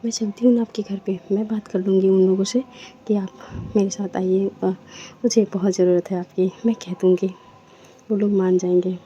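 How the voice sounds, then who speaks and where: A woman doing a clingy young wife who coaxes and pleads in a soft, even, very mellow voice. She speaks with little rise and fall. The recording is dull and lo-fi, with faint noise behind. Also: medium pitch, normal speed, natural voice. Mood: pleading. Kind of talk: storytelling with voiced dialogue.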